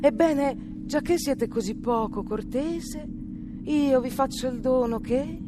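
A stern, composed fairy from a storybook, voiced by a woman reader. She speaks slowly and evenly, somewhat higher than a plain voice. Her words land with calm authority. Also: music in the background. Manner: composed, measured.

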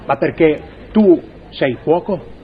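A man's voice: a little high, animated, slow. A man playing the straight man in a radio comedy sketch, incredulous and correcting his partner's words. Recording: dull lo-fi recording with audience laughter.

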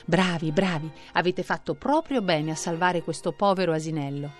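A woman's voice: lowish voice, normal speed, faint music behind, close to an everyday voice. A woman voicing a good-natured male garbage collector in a children's story. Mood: friendly.

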